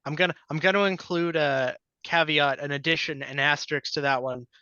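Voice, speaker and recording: A man's voice: a little high, steady tone, a little fast, sharp tone, clear, resonant tone, dry recording, dull audio. A man on a podcast panel, chatting casually and telling an upbeat story.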